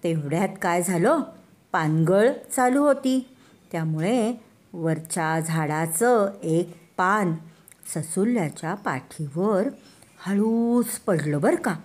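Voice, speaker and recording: An older woman telling a children's story in a slow, sing-song way, addressing the kids directly. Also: lowish voice, lively intonation, a little mellow. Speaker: storyteller grandmother.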